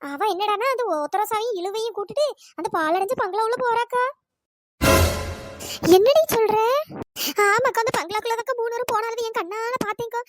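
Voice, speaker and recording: A performer voicing an excited young village woman rushing in with news, in a pitch-shifted cartoon. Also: music in the background. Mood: urgent. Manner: urgent, excited.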